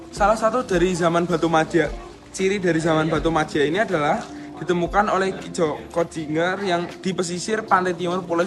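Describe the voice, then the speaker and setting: Slightly high male student reading carefully. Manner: careful reading with small slips. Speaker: student presenter. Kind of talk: reading a history explanation. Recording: music clearly under voice. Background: clear background music.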